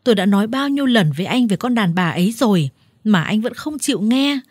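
A woman voicing a furious older village woman who scolds her brother in a harsh, shouting manner. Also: medium pitch, lively intonation, brisk, slightly rough, no echo.

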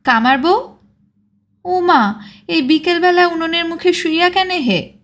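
A woman's voice: very high voice, takes it slowly, fairly bright tone, pitched above the performer's own voice, heavily acted. A woman voicing a bold, teasing village woman who calls out in a coaxing, familiar way in a storybook reading.

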